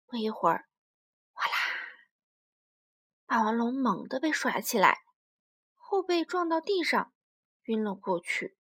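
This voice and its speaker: A woman's voice: a little high, big pitch swings, unhurried, long pauses, a bit bright. A woman narrating a children's story expressively, voicing the sound effects herself.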